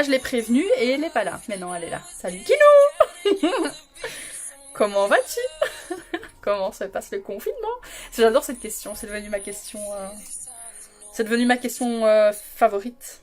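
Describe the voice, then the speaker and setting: A woman's voice: mid-range voice, a little fast, long pauses, faint music behind. A young woman doing a live makeup stream from home, chatting with viewers and giggling often. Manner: giggly, bubbly, talks to chat by name. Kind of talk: chatty livestream talk to viewers.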